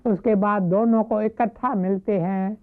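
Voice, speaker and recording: A woman giving a devotional talk, retelling a story in a measured, reverent way. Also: mid-range voice, fairly even intonation. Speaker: spiritual speaker. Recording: narrow phone-like lo-fi audio.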